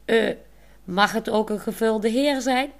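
A woman's voice: fairly high pitch, a little slow, voice pushed up. A woman voicing a friendly, polite male museum attendant. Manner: polite, helpful.

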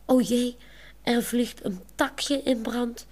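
A woman voicing a cheerful young woman in a wheelchair who is excitable and quick to fret. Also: fairly high pitch, voice pushed up. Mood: flustered.

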